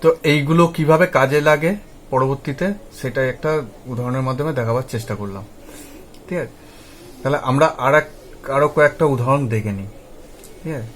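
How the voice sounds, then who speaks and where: A man with a Bengali accent teaching English pronunciation, spelling letters slowly and repeating each sound, often checking that his listeners follow. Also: mid-range voice, fairly bright tone, slight background noise. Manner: often asks "ঠিক আছে?" to check understanding. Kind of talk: slow spelled-out pronunciation lesson.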